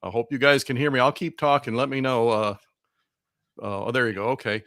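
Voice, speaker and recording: A man's voice: mid-range voice, steady tone, a little fast, fairly bright tone, dry recording, studio quality. A man speaking as a remote guest over a video call, giving heated, emphatic political commentary and often repeating words. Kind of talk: talk show commentary. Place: Missouri.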